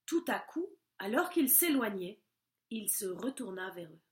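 A woman reading a children's storybook aloud in a gentle, measured, expressive way. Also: medium pitch.

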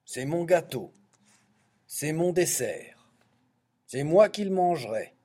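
A man's voice: mid-range voice, sing-song, a little slow, warm tone, breathy edge, full character voice. A man voicing a big greedy male ogre in a children's storybook, roaring and bossy. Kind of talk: storybook reading.

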